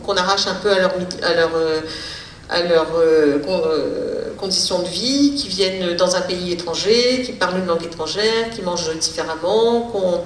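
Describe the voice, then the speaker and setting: Woman, lecturer, hesitant explaining, reverberant room, faint background noise. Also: medium pitch. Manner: explanatory, halting delivery with many hesitations. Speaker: lecturer and speech therapist. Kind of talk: public lecture. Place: lecture hall. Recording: roomy hall, distant mic, faint noise.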